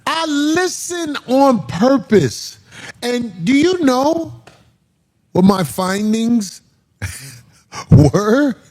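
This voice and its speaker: A man hosts a loose comedy panel, talking in a high, lively voice with big swings. He takes his time and drags words out for effect. His talk is profane and animated. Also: extremely slow, pauses often. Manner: animated, profane, slips into put-on shouts. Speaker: host.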